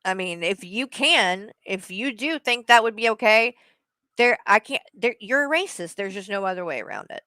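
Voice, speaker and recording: Livestreaming, a woman rips into someone directly, blunt and full of profanity. Her medium-pitched voice is bright and forceful with lively intonation, at a normal speed and free of echo.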